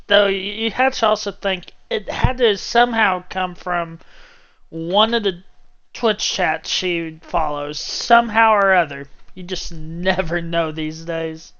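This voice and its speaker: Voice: mid-range voice, slow pace, fairly bright tone, clean tone, dull audio. A reaction video host giving casual commentary in rambling, chuckling asides.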